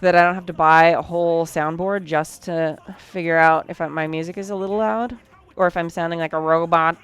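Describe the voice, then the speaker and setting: A woman's voice: lowish voice, fairly even intonation, brisk, clear, resonant tone. Tired chatty woman streaming late at night. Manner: chatty, talks to chat while working. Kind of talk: casual live-stream chat while sewing.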